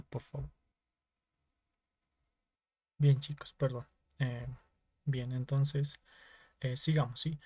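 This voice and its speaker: A man's voice: mid-range voice, a little mellow, dry recording. A young man with a Bolivian Spanish accent teaching an online class, explaining in small repeated steps and often checking with the students. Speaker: teaching assistant.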